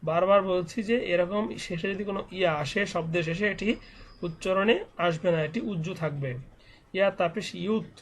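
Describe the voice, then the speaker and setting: A man teaching online Quran reading, slowly spelling out letters and vowel marks one by one and explaining the rules, with a Bangladeshi Bengali accent. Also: high voice, steady tone. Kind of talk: spelling-out recitation lesson.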